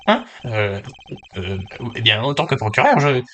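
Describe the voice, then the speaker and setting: A man's voice: medium pitch, very animated, a little slow, bright, forceful tone, a little hiss or hum. A man voicing a nervous middle-aged male prosecutor who stammers and hesitates. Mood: flustered.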